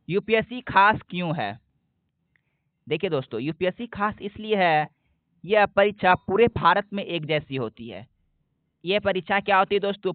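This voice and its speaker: Man, high voice, exam coach explaining step by step, dry close phone-line audio. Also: dry recording. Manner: asks a question, then answers it himself; repeats key points slowly. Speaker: exam prep teacher. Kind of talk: explanatory lesson. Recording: dry, phone-like narrow sound.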